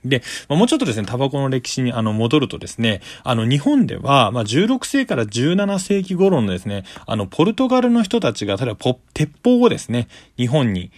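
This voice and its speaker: A man's voice: mid-range voice, big pitch swings, fast, few pauses, no echo, clean studio sound. A man giving a casual, polite explanatory monologue as a solo host, going step by step in simple terms. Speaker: solo talk show host.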